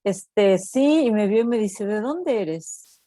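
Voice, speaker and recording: A woman's voice: medium pitch, slow pace, no echo, studio quality. A Mexican woman, a university researcher, telling a story in a casual interview and often tagging her sentences with "no?". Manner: animated storytelling, acts out quoted voices, frequent "¿no?" tags.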